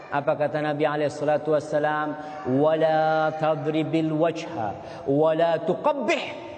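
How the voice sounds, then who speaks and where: Male preacher, sermon, storytelling, emphatic rises in pitch, long hall reverb, faint background noise. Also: darkish tone. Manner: storytelling, voice leaps higher for emphasis. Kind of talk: marriage advice sermon.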